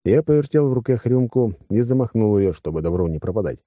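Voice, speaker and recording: A man's voice: lowish voice, lively intonation, a little fast, mellow, no room sound, clean studio sound. A man narrating a science-fiction audiobook in first person, in a wry, conversational way.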